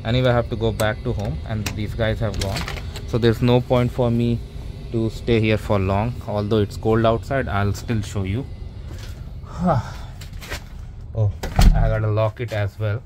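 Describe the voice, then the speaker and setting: A man's voice: fairly low pitch, steady tone, measured pace, pauses often. Guy rambling thru his basement reno on a handheld cam, lots of uh's, bit of faint noise behind. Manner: rambling, chatty, many fillers and restarts. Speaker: homeowner vlogger. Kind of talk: casual walkthrough narration. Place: unfinished basement, later outdoors in a stairwell. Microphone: handheld or body camera, first-person view.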